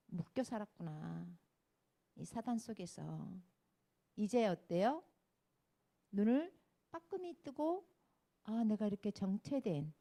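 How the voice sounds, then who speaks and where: A woman in her fifties preaches to a Sunday school class. She tells her stories with lively swings in pitch, acts out the people she quotes and keeps asking the children questions. Her voice has a soft, mellow tone. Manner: animated storytelling, acting out quotes, questions to children. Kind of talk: children's sermon. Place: church classroom.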